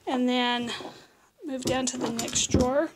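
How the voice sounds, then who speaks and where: Middle aged american lady, kinda high voice but hoarse n raspy, half losing it to a whisper, just chatting thru a room tour. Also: steady tone, a little slow, heavy background noise. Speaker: vlog host. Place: small room at home, indoors.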